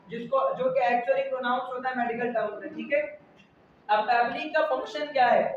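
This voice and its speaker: A man's voice: very high-pitched, distant mic, a little hiss or hum. A male biology teacher, giving a classroom lecture and quizzing students with repeated questions. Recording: echoey lo-fi room recording from afar.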